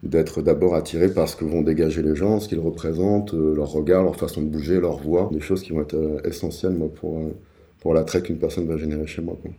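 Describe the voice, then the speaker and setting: A man in his forties with an extremely low voice and a deeply dark timbre. He is an interview guest telling his life story, halting with fillers and restarting his sentences as he searches for words. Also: fairly even intonation. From Paris suburbs, France. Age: 40s. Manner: hesitant, many fillers and restarts.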